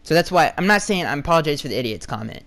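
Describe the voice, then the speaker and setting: A young man hosting a casual solo podcast, answering fan questions bluntly with lots of restarts, his voice going hoarse. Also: a little high, expressive, rapid-fire, a bit bright. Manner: rambling, restarts and fillers, blunt opinions. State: losing his voice.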